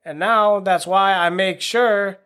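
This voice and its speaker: A man's voice: sits high, fairly even intonation, takes it slowly, pushed and bright, clean tone. A man hosting his own podcast, talking casually in a rambling, frank and self-deprecating way into a home microphone. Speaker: podcast host. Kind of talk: casual solo podcast monologue.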